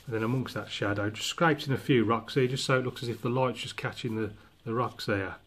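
Speaking a little fast, a man with a medium-pitched, fairly bright voice leads a casual watercolour painting demonstration from his easel in an indoor studio. He's the instructor, thinking aloud and frequently starting over, and the echoey room has clear background noise.

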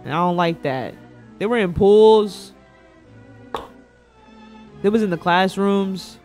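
Reacting casually on stream, a young man jokes with chat in informal slang, his voice sitting high with a darkish tone and a slow pace. The setting is an indoor streaming setup with faint background music.

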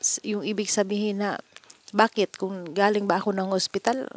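A woman's voice: mid-range voice, little pitch movement, normal speed. A woman from the Philippines, an overseas worker, telling her story in a casual vlog, mixing in Arabic and English phrases with many fillers and restarts.

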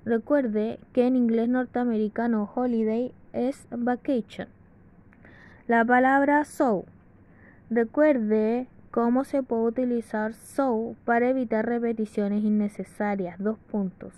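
A woman reading an English grammar lesson aloud from a textbook, slowly and carefully with pauses. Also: fairly high pitch, steady tone, a little mellow. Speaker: English teacher. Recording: dull lo-fi sound.

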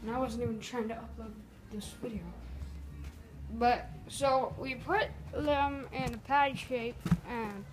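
A young girl rambles her way through a home cooking vlog, filmed on a phone she holds herself. She talks slowly in a fairly high voice and makes it up as she goes. Music plays clearly in the background. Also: fairly even intonation. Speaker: vlogger. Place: home kitchen and backyard. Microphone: handheld phone camera.

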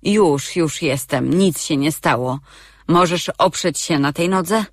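A woman reading the lines of a gentle, caring young male warrior in a storybook, calm and reassuring. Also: sits low, slow, no room sound, studio quality, full character voice.

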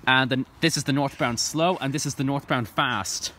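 A young Irishman with a mid-range, bright and forceful voice at normal speed vlogs about trains at an outdoor station platform. Holding the phone he films with, he narrates casually and eagerly, rambling and full of ums and restarts.

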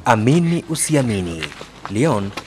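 A man's voice: mid-range voice, very animated, measured pace, noisy background. A man with a Kenyan accent reading scripted news feature narration in Swahili.

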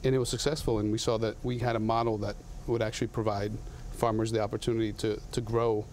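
A man's voice: lowish voice, level tone, fast, a little mellow, slight background noise. A man in his thirties from Latin America, a guest in a TV studio interview, talking earnestly with frequent restarts on a lapel mic. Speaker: guest, coffee company founder.

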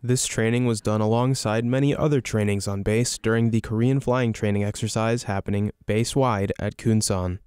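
A man's voice: lowish voice, fairly even intonation, moderate pace, hardly any pauses, a little mellow, clear, resonant tone. A young man reading a scripted news narration as a military reporter.

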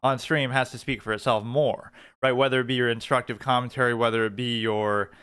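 A man's voice: medium pitch, fairly even intonation, a little fast, fairly bright tone, clear, resonant tone. A man giving opinionated, off-the-cuff reaction commentary in a critical, argumentative manner.

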